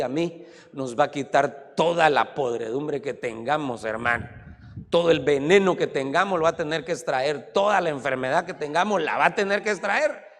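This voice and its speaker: A man pastor preaches with animated swings between booming exclamations and hushed asides. His voice sits a little high and moves constantly in pitch. A long hall reverb trails behind every line. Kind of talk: sermon.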